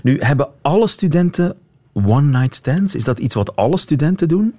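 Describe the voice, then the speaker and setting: A man's voice: a little high, expressive, normal speed, dark tone. A man, hosting a radio interview and asking conversational questions. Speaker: radio host.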